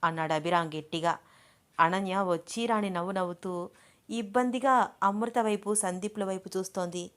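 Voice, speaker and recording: A woman storyteller narrating a romance serial at a middle pitch. Her reading is steady and descriptive, paced evenly through the scenes. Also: moderate pace, smooth.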